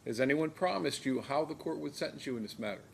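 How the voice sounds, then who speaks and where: An American man speaking as a judge, formally and procedurally questioning a defendant in a measured way with occasional hesitant pauses. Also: mid-range voice, expressive, gravelly. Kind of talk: formal plea hearing questioning. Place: courtroom. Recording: noisy courtroom recording.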